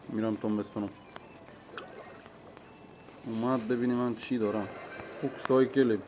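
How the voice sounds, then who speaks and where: A man giving live commentary on his own mobile game match, talking to himself and his opponent, with sudden excited outbursts. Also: medium pitch, poor audio. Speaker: gaming streamer.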